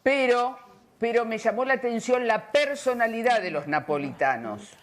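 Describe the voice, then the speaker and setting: A woman's voice: fairly high pitch, expressive, moderate pace. A woman co-hosting a news interview, asking long, chatty, rambling questions with many hesitations. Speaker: co-host.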